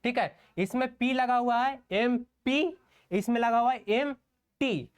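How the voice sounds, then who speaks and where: A man's voice: extremely high pitch, smooth. Step-by-step male shorthand teacher. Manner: repetitive, rhetorical questions, frequent "okay" check-ins; slow, step-by-step explanation while writing strokes. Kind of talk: online stenography class.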